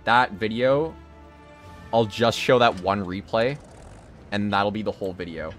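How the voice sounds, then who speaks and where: A man's voice: lowish voice, a little slow, a bit bright, soft background music. A male game streamer chatting casually on a live stream, his voice strained and tired, laughing and answering chat in slangy talk.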